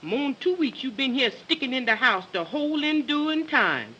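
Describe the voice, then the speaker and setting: A woman's voice: high voice, very animated, moderate pace, pushed and bright, exaggerated voice. A woman playing a folksy, scolding, motherly maid with a Southern US accent in an early talkie film. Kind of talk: early talkie film acting, broad comic. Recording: dull, hissy early sound film.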